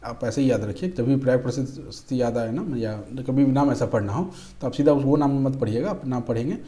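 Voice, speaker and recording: Man, young adult, mellow voice, patient quiz tutor. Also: mid-range voice, a little fast. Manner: patient, repeats "ठीक है", reads options aloud. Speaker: exam-prep teacher. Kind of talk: explaining quiz questions.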